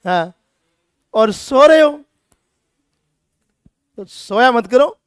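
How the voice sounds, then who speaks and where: Lively high-voiced man teaching. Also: extremely slow, smooth, no room sound, studio quality. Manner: energetic, scolding students playfully with rhetorical questions. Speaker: chemistry teacher. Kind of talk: classroom lecture.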